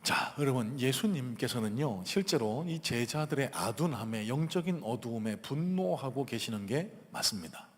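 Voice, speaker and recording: A man preaching a sermon as a pastor, animated and acting out the disciples' casual chatter in playful voices. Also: mid-range voice, moderate pace, few pauses, long reverb tail. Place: church sanctuary.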